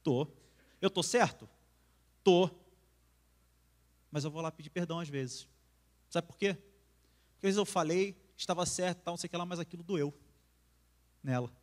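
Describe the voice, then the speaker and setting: A Brazilian man preaching a casual sermon in church, with a conversational tone that sinks soft and intimate. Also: fairly high pitch, normal speed, long pauses. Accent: Brazilian Portuguese. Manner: conversational, acts out quarrels, drops to soft intimate tone.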